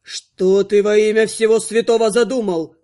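A woman's voice: medium pitch, fairly even intonation, normal speed, mellow, pitched below the performer's own voice, natural voice. A woman voicing an insistent older male archmage who gives firm commands. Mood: stern. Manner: insistent, pressing.

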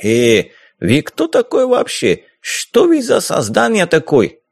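A man's voice: sits high, wildly swooping pitch, a little slow, no room sound, studio quality, voice pushed up, full character voice. A man voicing a hairy, hook-nosed male corsair who talks in a guttural, broken, bullying way in an audiobook. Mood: blustering.

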